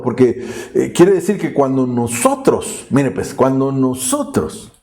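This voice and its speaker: Mellow-voiced man preaching with lively pitch. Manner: earnest, explanatory preaching with many restarts. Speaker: pastor. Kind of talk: sermon.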